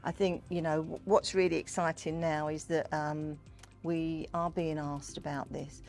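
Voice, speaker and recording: An older woman talks in a low voice with a gravelly edge. She tells things in a chatty, wandering way, as in an informal interview, with music behind her. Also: level tone, measured pace, darkish tone. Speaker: Pearly Queen and community fundraiser, interviewee. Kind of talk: informal interview talk about history and culture.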